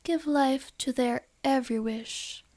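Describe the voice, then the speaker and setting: Voicing a rich, possessive noblewoman for ASMR romance roleplay, a woman sounds indignant yet devoted. She speaks in a fairly high, very soft-edged voice, breathy and refined, taking her time with fairly even intonation while gentle politeness covers an underlying menace.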